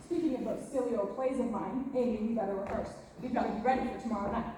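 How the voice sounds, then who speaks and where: A woman's voice: a little high, fast talker, dark tone, close to an everyday voice. A woman on an amateur stage playing a boyish, brash, theatrical teenage girl, exclaiming and declaiming. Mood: brash, lively. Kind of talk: amateur stage play acting. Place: stage in a reverberant hall, distant microphone. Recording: echoey hall from far off, faint noise.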